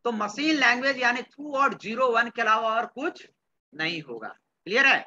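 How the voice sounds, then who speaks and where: In this lo-fi, dull-sounding classroom recording with slight background noise, a Bihari computer science teacher lectures at a normal speed. His very high, bright, forward voice is expressive as he fires questions at students, echoes their replies, and blends English terms into his Hindi.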